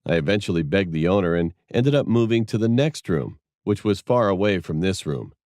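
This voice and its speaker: A man's voice: deep voice, animated, fairly quick, darkish tone, no room sound, clean studio sound. A man narrating a first-person horror story in a plain, matter-of-fact way.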